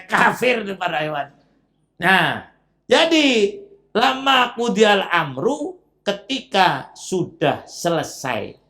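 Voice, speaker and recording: A man's voice: sits high, fairly bright tone. A Javanese-accented man preaching a dawn Quran study, who keeps putting questions to the audience and drops into Javanese phrases.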